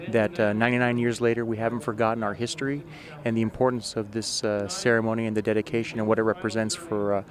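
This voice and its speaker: A man in police service answers questions outdoors at a memorial event. He talks quickly but stays composed, laying out his points in measured statements. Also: lowish voice, level tone. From United States. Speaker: police lieutenant.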